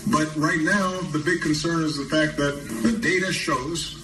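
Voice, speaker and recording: Measured man on distant, roomy TV audio. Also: a little high, steady tone, noisy background. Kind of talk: public remarks played from a TV clip.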